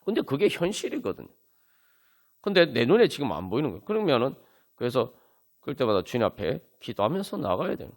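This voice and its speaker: A man's voice: mid-range voice, big pitch swings, quick pace, gravelly. A man preaching a sermon at a Friday prayer meeting, earnest and full of fillers, building to emphatic peaks. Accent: Seoul Korean. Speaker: pastor. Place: church sanctuary.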